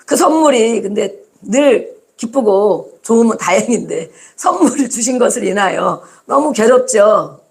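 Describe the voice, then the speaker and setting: A woman's voice: fairly high pitch, lively intonation, a little slow. A woman pastor preaching a sermon, putting rhetorical questions to the congregation and repeating phrases for emphasis.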